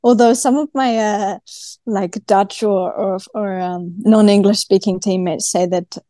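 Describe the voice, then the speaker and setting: Female podcast guest, broad Kiwi accent, mellow medium-pitched voice, close dry sound, conversational athlete interview. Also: steady tone, a little slow, no echo. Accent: broad New Zealand (Kiwi). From New Zealand. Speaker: guest, professional cyclist. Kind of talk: casual podcast interview chat.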